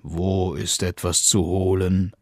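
Man playing a hungry gruff wolf, slow grumble, low voice, dry sound. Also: little pitch movement, a little mellow, no echo.

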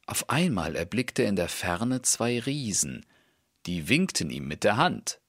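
A man reading a fairy tale aloud in a calm, measured storytelling manner. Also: lowish voice, no room sound, studio quality.

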